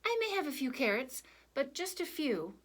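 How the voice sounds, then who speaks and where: Woman acting eager storybook villagers, pitched up high. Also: sing-song, moderate pace. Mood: curious, eager. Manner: eager, brightly helpful, exclaiming. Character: eager villagers offering food for the soup. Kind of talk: children's storybook character reading.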